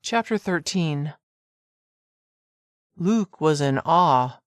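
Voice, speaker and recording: A narrator reading a romance audiobook in an even, measured storytelling manner. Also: female voice, deep voice, no echo, studio quality. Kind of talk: scripted narration.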